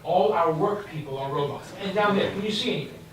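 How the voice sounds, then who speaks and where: A man's voice: sits high, fairly bright tone. A man playing a smug robot factory director. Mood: proud. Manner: proud, brisk, matter-of-fact. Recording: echoey room from far off with noise.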